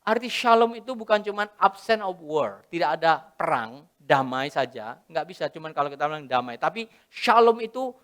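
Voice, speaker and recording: A middle-aged man from Indonesia preaching a sermon as pastor, animated, swinging between loud exclamations and soft murmurs while addressing the congregation. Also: a little high, normal speed. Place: church sanctuary.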